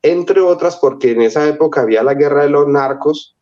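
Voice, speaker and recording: A man's voice: fairly high pitch, brisk, highs cut off. A middle-aged Colombian man with a Colombian Spanish accent, telling a personal story in an interview and acting out the voices of the people in it. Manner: animated, acts out the voices of people in his story. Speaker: interview guest.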